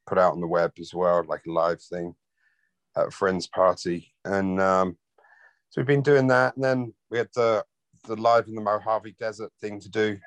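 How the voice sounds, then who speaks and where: In a relaxed chat, an interviewee from London, United Kingdom, a rock bassist, speaks with a lowish voice in a level tone at normal speed. The recording has no echo.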